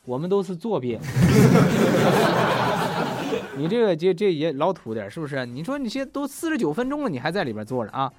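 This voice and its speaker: A man's voice: fairly high pitch, big pitch swings, brisk, pauses often, very noisy. A man hosting a show, reading listener messages in a jokey, chatty way and laughing often. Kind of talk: casual chat.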